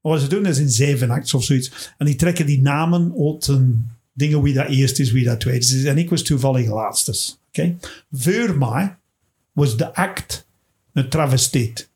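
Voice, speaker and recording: A man from England, a stand-up comedian chatting casually and telling stage anecdotes in an animated way. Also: medium pitch, moderate pace. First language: English. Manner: animated storyteller, tags lines with "hè".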